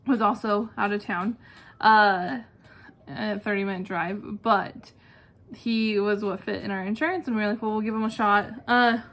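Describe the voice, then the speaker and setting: A woman's voice: medium pitch, steady tone, normal speed, fairly bright tone. Chatty young woman vlogging, fan clicking behind. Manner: chatty, informal, self-deprecating. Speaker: video channel host. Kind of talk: casual one-take vlog chat, answering questions. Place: at home, indoors. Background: clicking ceiling fan, possible neighbors talking outside.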